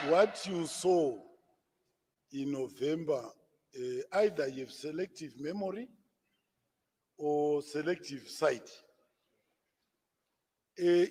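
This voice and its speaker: A man, a party spokesman, answering reporters at a press conference in a deliberate, lecturing way with stammered restarts. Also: a little high, a little mellow, slightly rough, big-room sound. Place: conference room.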